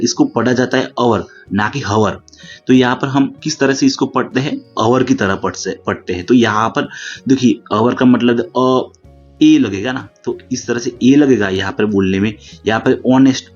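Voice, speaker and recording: A man with a husky, slightly breathy voice explains a grammar lesson, pausing to read English phrases slowly. The recording is dull and lo-fi, with faint music underneath. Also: medium pitch, a little mellow. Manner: repeats "dekhiye" often, slows to read English rules aloud.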